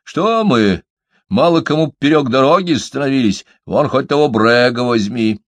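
A man's voice: mid-range voice, expressive, normal speed, no room sound, pitched above the performer's own voice, natural voice. A man voicing a small young male hobbit who talks bluntly and impatiently.

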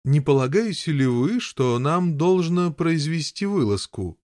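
A man reading a courteous, measured knight. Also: a little high, expressive, darkish tone, no room sound, clean studio sound, pitched above the performer's own voice.

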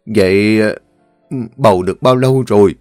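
A man voicing a stern, grief-stricken elderly father, scolding and shouting at his son. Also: on the low side, moderate pace, no room sound, clean studio sound, soft background music, natural voice.

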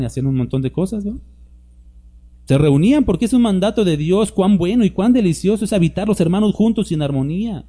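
A man's voice: on the high side, mellow. A man preaching a conversational sermon, full of rhetorical questions and acted-out examples.

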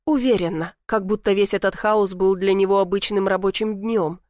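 A woman's voice: medium pitch, fairly even intonation, moderate pace, darkish tone, no echo, clean studio sound. A woman reading a first-person novel aloud, telling it tensely and dramatically. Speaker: audiobook narrator.

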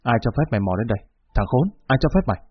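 A man voicing a menacing gang boss who talks in a gruff, commanding way, on a dull lo-fi recording. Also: on the low side, brisk, no room sound. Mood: angry.

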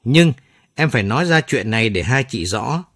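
A man's voice: mid-range voice, animated, normal speed, fairly bright tone, dry recording. Guy doing young brother, defensive and pleading, mid voice, dry. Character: young male pharmacist, pleading and sulky.

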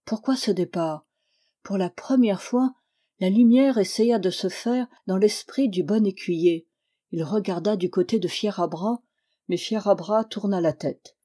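A woman reading a historical novel aloud as audiobook narration, in a steady, measured way. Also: mid-range voice. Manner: steady, measured reading, lifting the voice for quoted dialogue. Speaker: audiobook reader.

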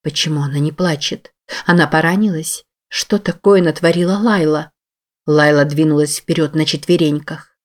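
A woman reads a novel aloud in a low voice, with an even, steady narration. Her delivery is controlled and scripted throughout. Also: moderate pace. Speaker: audiobook narrator.

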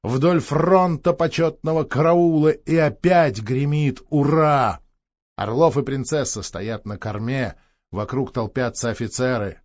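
A man narrating a historical novel for an audiobook in a measured, expressive reading, heard on a dull, dry lo-fi recording. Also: mid-range voice, no echo.

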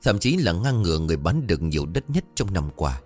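A man narrating a scripted spoken story in a steady, measured way. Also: low voice, faint music behind.

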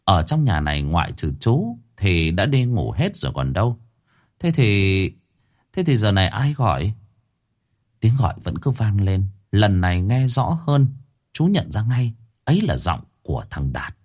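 Expressive man narrating a horror story. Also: unhurried. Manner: highly expressive, rising to cries.

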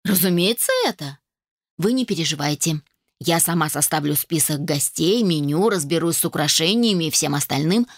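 A brisk, commanding mother who plans everything herself and hears no objection, as a woman puts her on. The voice sits low and is recorded close and dry, with no room sound. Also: lively intonation, dry recording. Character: bossy energetic mother planning an engagement.

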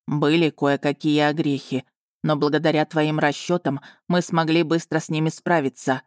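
A woman voicing an overjoyed, overwrought male dragon in an audiobook, speaking a little lower and with earnest warmth. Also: flat delivery, moderate pace, no echo, clean studio sound, lightly acted. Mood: calm, pleased.

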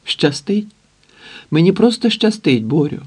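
A man's voice: fairly high pitch, big pitch swings, measured pace, darkish tone, slightly rough, voice pushed up, full character voice. A man voicing a blunt, cocky young mechanic who talks curtly in slang. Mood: persuading.

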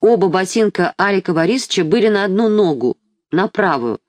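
An audiobook narrator reading a children's story in a steady, measured way. The voice sits in a middle register. The recording is dry and close. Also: mid-range voice, no echo.

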